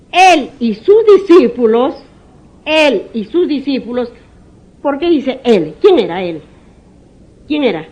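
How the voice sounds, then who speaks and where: A woman pastor preaching a sermon, her voice a little high and rising and falling widely as she goes. She speaks very slowly, answering her own rhetorical questions and repeating her phrases, sometimes stumbling over a name and starting it again. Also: darkish tone.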